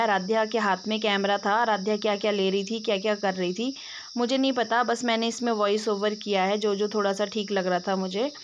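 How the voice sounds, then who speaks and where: A young woman vlogging in a casual way, speaking slowly in her voice-over and loudly when she explains a hearing aid to an elderly neighbour. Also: medium pitch, dull audio, slight background noise. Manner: slow, devotional narration; loud and repetitive when helping the elderly neighbour. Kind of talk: casual vlog voice-over and chat.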